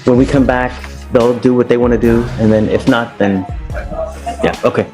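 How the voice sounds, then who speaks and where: A man presiding as a judge, running a courtroom docket in a casual, friendly, brisk way. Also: medium pitch, steady tone, music in the background.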